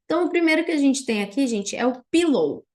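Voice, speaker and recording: Young Brazilian woman, Paraná accent, English teacher drilling vocabulary, slightly high voice. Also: lively intonation, a little mellow. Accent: Brazilian Portuguese from Paraná. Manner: drills English words slowly and repeats them for learners. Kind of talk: online vocabulary lesson.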